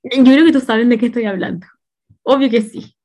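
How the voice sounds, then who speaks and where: A woman's voice: a little high, fairly quick, mellow. Slangy Chilean woman telling stories. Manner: slangy, laughing, storytelling. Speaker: podcast co-host. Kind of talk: casual chat.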